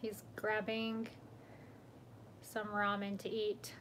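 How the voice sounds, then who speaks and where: A woman's voice: medium pitch, monotone, slow, fairly bright tone, slight background noise. A young woman casually chatting on a home livestream, greeting viewers by name and laughing often. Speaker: vlog host. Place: home room.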